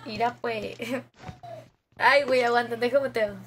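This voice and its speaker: A woman's voice: fairly high pitch, steady tone, slow, slight background noise. A young woman with a Mexican accent, chatting casually with viewers on a gaming stream, slangy and laughing often. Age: young adult. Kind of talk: casual live-stream chat reading viewer comments.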